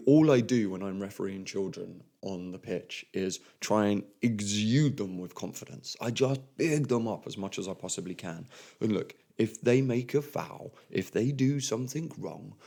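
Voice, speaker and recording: A man's voice: fairly low pitch, moderate pace, creaky, dark tone. A young man hosting a podcast and talking casually about refereeing, full of "like" and "um". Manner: chatty, lots of "like" and "um". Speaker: podcast host, football referee. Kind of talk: casual solo podcast talk.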